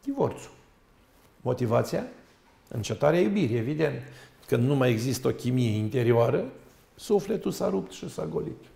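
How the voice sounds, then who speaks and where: A man's voice: mid-range voice, big pitch swings, gravelly, mellow. A man, a monk and guest on a talk show, telling saints' stories and preaching emphatically in long lists. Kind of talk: storytelling talk-show sermon. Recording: roomy echo.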